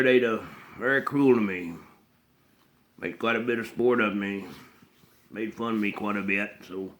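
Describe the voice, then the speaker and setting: A man plays a slow, simple backwoods character who is haunted, using a rural Southern US accent. He delivers a halting, plainspoken dramatic monologue in a mumble, punctuated by throaty grunts and hums. His voice is fairly low in pitch with a fairly bright tone.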